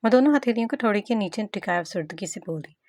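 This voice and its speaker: A woman's voice: mid-range voice, fast, dry recording. Woman narrating a romance novel. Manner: steady storytelling. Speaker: audiobook narrator.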